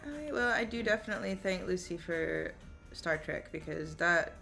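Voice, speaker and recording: A woman co-hosting a casual drawing chat, chatty and enthusiastic, and quick to giggle. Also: fairly low pitch, vocal fry, bright, forceful tone, faint music behind. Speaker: co-host.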